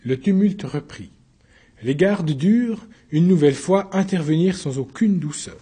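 Husky, mellow man narrating a story. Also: a little high. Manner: even, measured storytelling. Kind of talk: audiobook narration.

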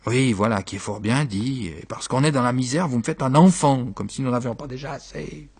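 A man's voice: medium pitch, fairly quick, husky. A man voicing a poor young husband who grumbles in exasperation about money and children. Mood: grumbling.

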